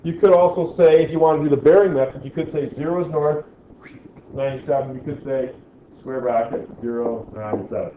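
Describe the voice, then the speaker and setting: In a mid-range voice and a little fast, a male teacher gives a jokey classroom lecture, often tossing in "right?" to check on students. There's slight background noise, and the recording is echoey, dull, and lo-fi.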